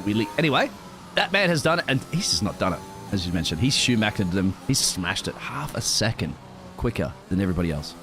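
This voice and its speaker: A man doing live sim racing commentary, getting excited and shouting over fast laps. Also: fairly low pitch, over music.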